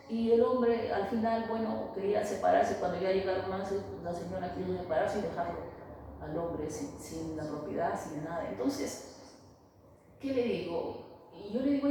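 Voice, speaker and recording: A woman's voice: mid-range voice, dark tone. A woman family therapist speaking, hesitant with many fillers and restarts. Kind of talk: interview, explaining to an interviewer. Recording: echoey room, voice far from mic, faint noise.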